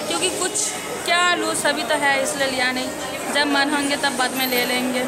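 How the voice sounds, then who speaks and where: A woman in her thirties chatting casually to her phone camera while walking through a busy shopping mall. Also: high voice. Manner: chatty, calls out to family. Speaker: vlogger. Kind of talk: casual vlog narration. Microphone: phone at arm's length. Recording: loud crowd and noise.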